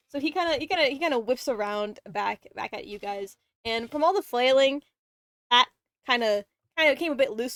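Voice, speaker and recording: A woman running a tabletop game, with a fairly high voice and quick, halting narration full of restarts. Her voice sounds dry and close to the mic. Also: fairly bright tone, no echo. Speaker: dungeon master.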